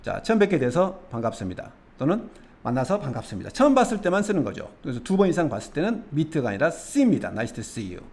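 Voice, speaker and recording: A man's voice: fairly high pitch, sing-song, fairly quick, a little mellow, a little hiss or hum. A man teaching English expressions, explaining nuances patiently and step by step, often asking the viewer questions.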